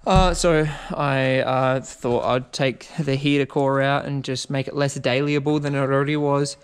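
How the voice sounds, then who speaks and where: Laid-back Kiwi bloke, sweary and slangy. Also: male voice, mid-range voice, fairly even intonation, unhurried, smooth. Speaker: car build vlogger. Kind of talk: casual chat.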